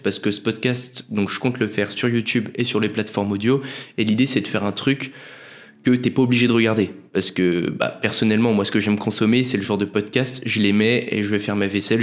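Chatty young man hosting a podcast. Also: medium pitch. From France. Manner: chatty, loose and self-mocking, with slang. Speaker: podcast host and freelance video editor. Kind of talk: solo casual podcast intro.

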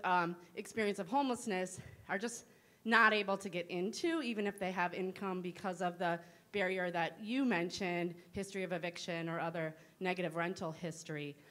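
A woman in the audience asking a careful, halting question, with many fillers, into a passed microphone. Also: mid-range voice, fairly bright tone. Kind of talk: question from the floor.

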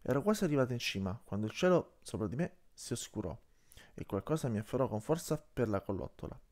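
A man narrates an audiobook with an animated, widely varying voice at a middle pitch. He reads expressively, shifting his tone for every character. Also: fast. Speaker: audiobook reader.

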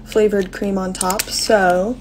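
A woman's voice: medium pitch, level tone, slow pace, background noise. A young woman chatting casually through a product review vlog, bubbly and full of "like". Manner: bubbly, chatty, with many likes. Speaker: social media creator.

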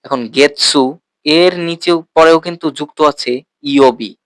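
A man teaching a language lesson, patiently explaining and slowly repeating words, often asking his listeners questions. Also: a little high, clean tone, no room sound.

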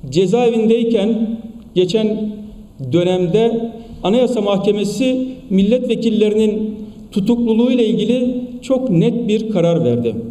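A male politician giving an emphatic, rhetorical speech at a podium microphone to a party meeting, with repeated phrases and pauses. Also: high voice, warm tone. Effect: speaking at a podium microphone in a large hall. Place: large meeting hall in parliament. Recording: echoey hall, distant mic.

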